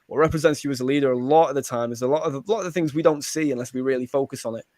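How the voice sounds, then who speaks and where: A man's voice: medium pitch, a little mellow, no room sound. A man on a football podcast panel, talking earnestly with frequent restarts. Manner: fast, earnest, stumbles on restarts. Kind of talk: casual football chat.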